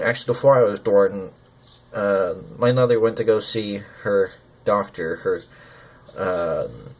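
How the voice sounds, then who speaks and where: Man, low-pitched, numb-from-the-dentist articulation, blurred lip consonants, hesitant, halting, personal vlog talk. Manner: hesitant, halting, searching for words. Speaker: gaming video creator.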